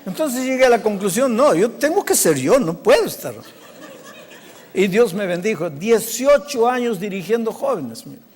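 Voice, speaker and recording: An older man from Peru, a pastor telling a story in a sermon, acting out the dialogue and dropping to a hush at emotional moments. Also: sits high, normal speed. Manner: animated storytelling, acting out quoted dialogue with hushed emotional drops. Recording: long hall reverb.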